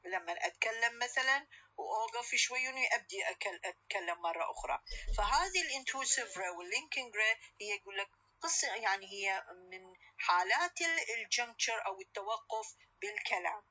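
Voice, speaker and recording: A woman's voice: mid-range voice, animated, pushed and bright. A woman with an Iraqi accent lecturing on English phonetics, mixing in explanations and repeating examples with rhetorical checks like "okay?". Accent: Iraqi Arabic. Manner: slow, repetitive teaching with rhetorical checks like "okay?" and "what?". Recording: dull lo-fi audio.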